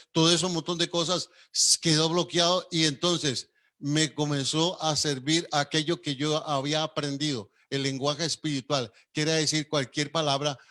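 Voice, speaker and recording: A male preacher giving a testimony in a sermon, with a voice that sits on the higher side for a man. He tells the story with lively energy and acts out each exchange as he goes. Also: moderate pace. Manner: animated storytelling, acting out dialogue.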